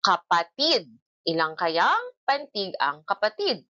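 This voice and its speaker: A woman teaching a children's reading lesson, drilling words slowly and clearly by syllable and asking the class questions. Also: mid-range voice, very animated, bright, forceful tone, highs cut off. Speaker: grade one teacher.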